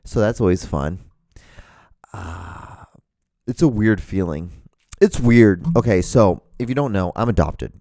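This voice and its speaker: With a deep, warm voice carrying vocal fry, he speaks at a measured pace and pauses often. This Honduran podcast host in his thirties sits alone in a room at home before a camera, using a studio microphone and earphones, rambling casually and profanely with many restarts. The audio is studio quality without echo.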